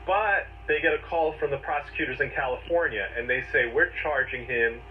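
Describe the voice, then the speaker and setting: A man's voice: a little high, brisk. A man giving a conversational legal explainer, telling it step by step in emphatic short phrases. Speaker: legal commentator. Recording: distant, dull, noisy replayed audio.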